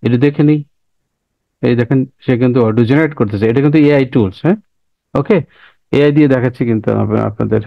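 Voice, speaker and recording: A man teaches a software class over a screen recording, repeating steps and often checking that listeners follow. His voice is gravelly and he talks fast. The sound is dry and dull. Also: mid-range voice, no room sound. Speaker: instructor.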